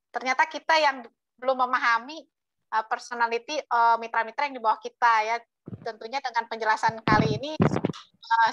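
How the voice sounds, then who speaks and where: A woman's voice: on the high side, sharp tone. A woman participant in an online meeting giving feedback, speaking hesitantly with many fillers. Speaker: webinar participant.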